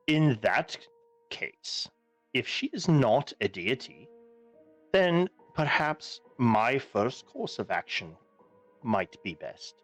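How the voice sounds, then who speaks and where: A man plays a courteous, formal male ally in a tabletop role-play, choosing his words with old-fashioned politeness. He speaks slowly, with a husky, breathy edge. His pitch swoops widely from low to high. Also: dull audio. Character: formal, courteous male ally who once fought giants.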